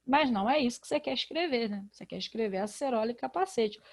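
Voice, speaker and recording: A woman's voice: a little high, expressive, fast. A woman with a Brazilian Portuguese accent, a literacy teacher in a recorded video lesson who explains patiently and asks rhetorical questions.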